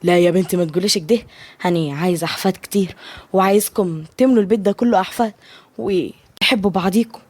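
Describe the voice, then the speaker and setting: Older patriarch, Egyptian Arabic accent, gentle, fatherly, woman reader. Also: fairly low pitch, quick pace, dry recording, close to an everyday voice.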